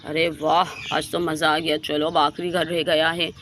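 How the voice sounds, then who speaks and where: Woman putting on a low, muttering male burglar. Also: little pitch movement, a little slow, a little hiss or hum, natural voice. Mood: sneaky. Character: male burglar, sneaky and greedy.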